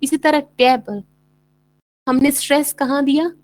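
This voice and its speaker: A woman with a Pakistani accent giving a bilingual English lecture, explaining in Urdu-Hindi and reading English lines slowly and deliberately. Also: high-pitched, fairly even intonation, no room sound, low-quality recording. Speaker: English teacher.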